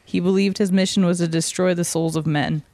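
A man's voice: high voice, steady tone, brisk, a little mellow, no echo. A man co-hosting a podcast in casual discussion, speaking in a hesitant, inquisitive way.

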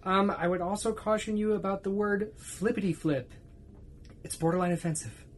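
A woman's voice: mid-range voice, fairly even intonation, moderate pace, husky, lightly acted. An actress playing a hesitant, polite woman sound technician who hedges with many ums. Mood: placating. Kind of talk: audio drama.

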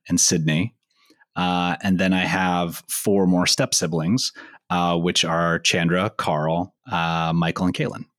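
A man's voice: deep voice, a bit bright, no room sound, studio quality. A young man born in the Philippines and raised in Oregon, co-hosting a casual podcast chat and rambling freely with fillers. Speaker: co-host.

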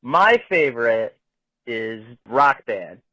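A man's voice: mid-range voice, big pitch swings, slow pace, pushed and bright, no echo, poor audio. Casual man on a phoned-in voicemail. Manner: laid-back and slangy, full of "like". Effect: phone voicemail played back on air. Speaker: caller leaving a voicemail. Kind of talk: casual call-in message.

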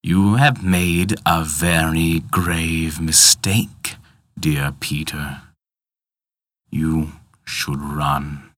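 Guy voicing a creepy clockwork tinkerer, slow and menacing, deep voice, dry sound. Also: level tone, a bit bright, no echo, heavily acted. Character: sinister clockwork tinkerer man, cold.

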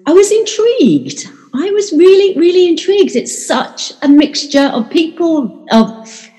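A woman's voice: very high voice, big pitch swings, measured pace, warm tone, in a large hall. A woman hosting a podcast interview, talking in an enthusiastic, chatty way. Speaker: podcast host.

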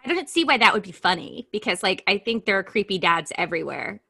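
Woman podcast co-host, bright tone, blunt and profane, casual banter. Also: medium pitch, big pitch swings, fast talker, creaky, breathy edge, no room sound, studio quality. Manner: blunt and profane, laughs often. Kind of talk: casual chat, reading out a list.

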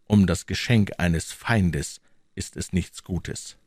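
Gruff old captain, voiced by a man: deep, subdued, grave warnings, dry read. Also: slow, a little mellow, dry recording. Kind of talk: audiobook character voice.

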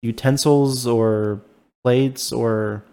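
A man's voice: mid-range voice, fairly even intonation, extremely slow, mellow, smooth. Hesitant male podcast co-host. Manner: hesitant, full of "like" and "um". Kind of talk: casual chat.

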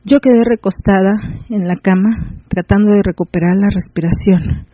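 A man narrating a first-person erotic story in a measured, intimate way. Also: high voice, warm tone, no room sound, highs cut off.

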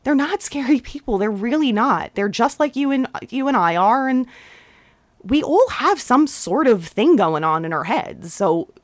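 A woman's voice: fairly high pitch, sing-song, a little slow, no room sound. A young woman chatting on a podcast, earnest and rambling, often restarting her sentences and rising when she makes a point. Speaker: podcast co-host. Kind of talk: casual podcast chat.

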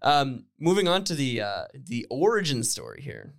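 A man's voice: mid-range voice, big pitch swings, moderate pace, creaky, no echo, clean studio sound. Easygoing man hosting a podcast. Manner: encouraging, frequent short affirmations and laughs. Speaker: podcast host. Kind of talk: casual interview chat.

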